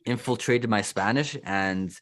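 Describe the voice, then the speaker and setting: The host, a young man with a Canadian accent, speaks unhurriedly in a fairly low but fairly bright voice. His interview style is loose and chatty, full of restarts, fillers, and lots of "like."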